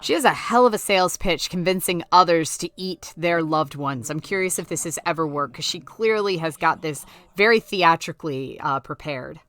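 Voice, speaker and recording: Excitable woman doing film commentary. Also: low voice, normal speed, few pauses, faint music behind. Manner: enthusiastic, swears, reacts loudly to scenes. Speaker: horror historian, commentator.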